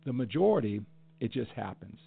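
Over tinny, phone-like audio, a middle-aged man hosts a solo podcast, delivering a passionate monologue. His gravelly, slightly rough voice sits at medium pitch and moves fairly quickly with big swings in pitch. He speaks earnestly and emphatically, repeating phrases to hammer his point home.

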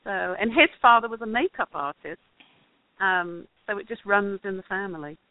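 A woman's voice: medium pitch, moderate pace, no echo. A woman talks through her work as a guest, thoughtful and a little rambling, full of ums and you-knows. Her voice comes down a thin, tinny phone line. The sound is dry, with no room around it. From England. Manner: rambling, thoughtful, frequent fillers. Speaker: guest, documentary grant writer. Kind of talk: casual interview chat.

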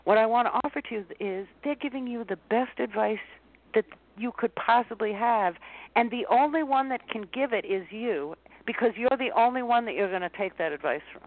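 A woman guest on a radio interview, working as a life coach, explaining her advice in an animated way and repeating phrases for emphasis. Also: fairly high pitch, brisk. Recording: tinny phone-line sound, dry.

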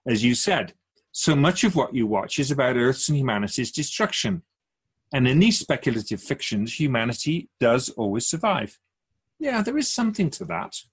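A man voices a wise, otherworldly spirit in a radio drama, sounding gently amused, patient, and teasing. His medium-pitched voice is very animated with a breathy edge, yet his speech stays measured and formal, full of musing questions.

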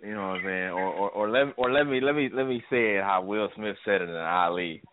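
A man's voice: lowish voice, fairly quick. A man co-hosting a podcast in casual chat, laid-back, often stammering on his words. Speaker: podcast co-host. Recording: tinny phone-like line with faint noise.

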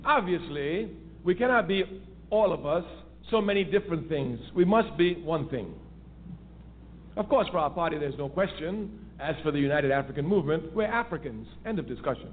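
Calling into a radio show by phone, a man with a slightly high, animated voice speaks at a moderate pace about politics with real passion. He hammers his points by repeating key phrases, and the tinny line carries a faint hiss.

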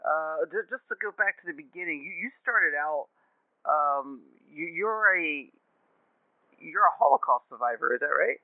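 A man's voice: fairly high pitch, animated, normal speed, vocal fry, no room sound. A man hosting a podcast, talking in a casual, rambling way. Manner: rambling, full of uh fillers and restarts. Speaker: podcast host. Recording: narrow phone-like sound, dry.

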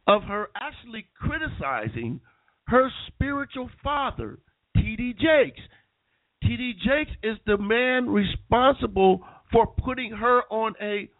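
A man with a nasal voice from being sick, hosting an internet call-in radio show with casual, rambling talk. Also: high voice. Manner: rambling with many restarts. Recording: tinny phone-line sound.

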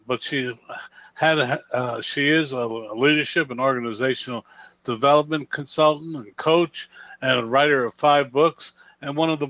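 A man hosting a conversational interview, speaking in a halting, stammering way. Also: medium pitch, a bit bright, no room sound. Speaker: interview host. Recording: dry, dull lo-fi phone-in radio audio.

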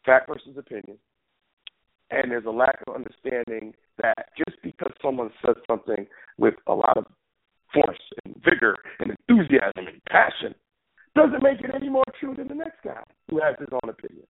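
A man's voice: medium pitch, sing-song, normal speed, gravelly, no room sound. A man co-hosting a talk show, speaking emphatically over a bad connection that keeps breaking up, on a tinny phone-like line. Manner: emphatic, opinionated. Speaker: co-host. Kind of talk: casual talk show chat.

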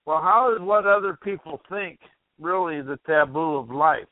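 A man's voice: fairly high pitch, normal speed, no room sound. A man hosting a motivational call-in radio show, rambling and asking the listener questions while losing his voice. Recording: tinny phone-like radio line.

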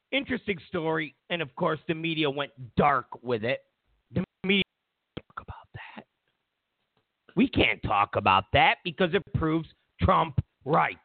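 Gravelly, sarcastic male show host. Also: fairly high pitch, no echo. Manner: mocking, sarcastic, laughs mid-sentence. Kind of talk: political commentary rant. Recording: tinny phone-like dry sound.

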